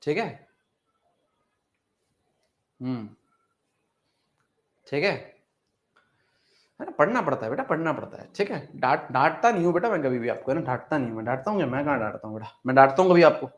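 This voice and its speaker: A man's voice: mid-range voice, very animated, brisk, long pauses. A young man teaching chemistry, coaxing and repeating phrases as he asks questions and answers them himself. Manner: mixes English terms into the talk, calls students "beta". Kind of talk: classroom lecture.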